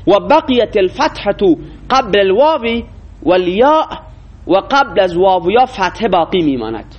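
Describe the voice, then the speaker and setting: A man's voice: high voice, big pitch swings, lo-fi sound. A man teaching a classroom lecture, explaining rules and quizzing his students with frequent questions.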